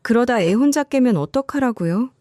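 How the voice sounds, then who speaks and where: A woman's voice: a little high, animated, brisk, dark tone, dry recording, clean studio sound, voice pushed up, lightly acted. A woman narrator voicing a selfish grown son who complains in a petulant, whining way. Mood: whiny angry.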